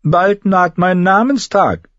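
Cruel teenage boy king, read by a man: high, loud, sneering, commanding; dry storybook narration. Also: takes it slowly, no room sound, highs cut off. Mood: sneering, bullying.

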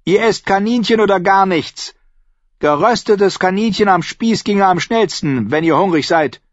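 A male reader voicing a huge, ugly, bossy innkeeper woman who scolds and shouts in a shrill voice. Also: normal speed, no room sound, lo-fi sound, lightly acted.

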